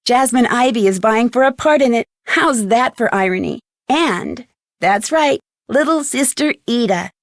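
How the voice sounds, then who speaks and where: In scripted game epilogue narration, an American woman voices a witty teenage girl detective recounting how a case ended. Her voice is a little high and animated at a measured pace, wry and amused in tone. The recording is dry and studio quality.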